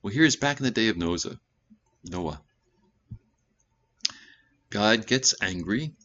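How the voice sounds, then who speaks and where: Male pastor, lowish voice, animated preaching with loud bursts and conversational asides, dull lo-fi recording. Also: slow pace. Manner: conversational asides and self-corrections. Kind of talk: sermon.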